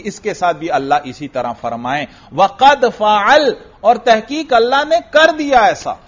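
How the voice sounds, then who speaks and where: A man giving a classroom lecture on Arabic grammar as a religious teacher, chanting verses slowly and putting questions to his students. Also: sits high. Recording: dull lo-fi lecture recording.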